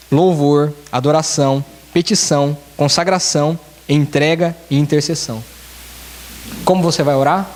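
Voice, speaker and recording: A man preaching with a fairly high voice, earnest and pleading as he addresses the congregation directly. He keeps circling back to his key phrases. A faint hiss runs under the recording. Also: darkish tone. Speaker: church elder preaching. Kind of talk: sermon. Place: church service in Japan.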